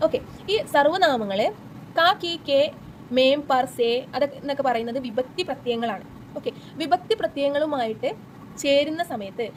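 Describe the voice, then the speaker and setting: A woman's voice: high-pitched, slight background noise, rough recording. A young woman teacher with a Malayali accent, explaining exam questions step by step and answering her own questions. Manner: reads the textbook text slowly and deliberately. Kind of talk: exam-prep lesson.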